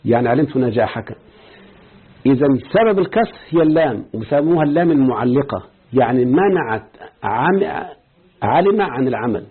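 A man's voice: medium pitch, animated, fairly quick, long pauses, breathy edge. A man with an Egyptian Arabic accent teaching a grammar lesson, explaining step by step and quizzing his students. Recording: tinny phone-like lo-fi recording.

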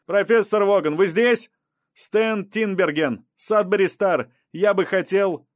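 A pushy newspaper reporter who won't back off, his voice pitched well above the narrator's own and pushed loud. He shouts his questions insistently, recorded dry and close for a storybook reading. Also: a little fast, no echo, lightly acted. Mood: pushy, shouting.

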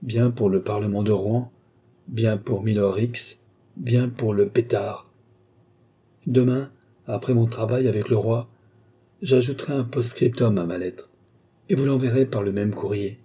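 A man voicing an entranced woman seer who answers obediently and haltingly. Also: fairly low pitch, fairly even intonation, mellow, slightly rough. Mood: hesitant reading. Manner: halting, submissive replies.

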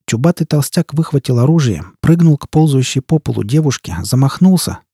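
A man narrating a fantasy audiobook in steady storytelling. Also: fairly high pitch, brisk, husky, no echo, studio quality.

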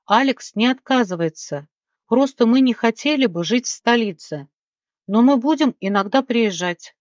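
A woman's voice: on the high side, animated, no echo, dull audio, pitched above the performer's own voice, natural voice. Woman reading a chirpy outspoken young woman, storybook. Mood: cheerful. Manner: brisk and cheerful. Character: cheerful, forthright young woman.

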